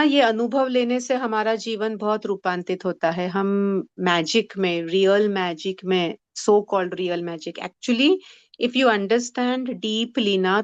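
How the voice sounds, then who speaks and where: Slow-spoken teacher, woman. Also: mid-range voice, no room sound, dull audio. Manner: mixes Hindi with English phrases, explains patiently. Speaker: spiritual workshop leader. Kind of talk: teaching a group session.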